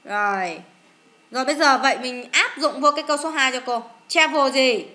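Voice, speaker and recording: A woman English teacher with a Vietnamese accent, going through exam answers in a lively, coaxing way, asking questions and answering them herself. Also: sits high, normal speed. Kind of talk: classroom-style lesson explaining an exam.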